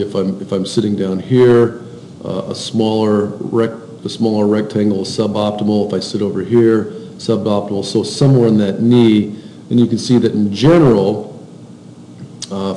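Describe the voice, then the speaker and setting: Low gravelly man lecturing in a roomy classroom. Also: mellow. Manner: explanatory, pointing at slides, often repeats words. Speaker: instructor. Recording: roomy classroom with faint hiss.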